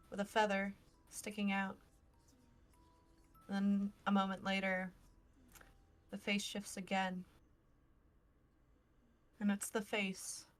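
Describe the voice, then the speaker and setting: Woman running a tabletop game, really slow suspenseful narration, stops and starts, faint music under her. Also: medium pitch. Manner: halting, suspenseful storytelling. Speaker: game master.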